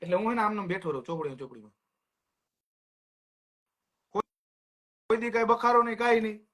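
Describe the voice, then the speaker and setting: A podcast co-host with a high voice and a brisk delivery tells lively childhood stories in casual chat. He acts out other people's lines, including those of his classmates.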